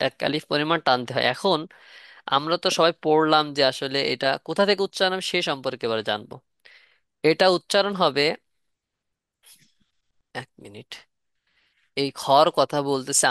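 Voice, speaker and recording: A man's voice: fairly high pitch, bright, forceful tone, clean tone, no echo, clean studio sound. A man teaching Quran letter pronunciation in a live online class, repeating questions and asking students to respond.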